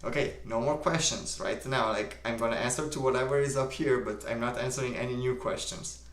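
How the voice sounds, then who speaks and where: A young man with a Romanian accent hosts a casual live stream. He reads viewer comments aloud and answers them in a calm, unhurried way, at a middle pitch. His voice carries a noticeable roomy echo. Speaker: livestream host.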